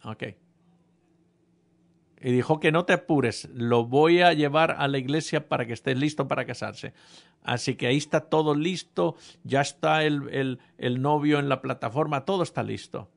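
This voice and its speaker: A man's voice: mid-range voice, moderate pace, vocal fry. A man preaching a sermon, telling a humorous personal story and speaking directly to the congregation. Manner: humorous storytelling, addresses audience.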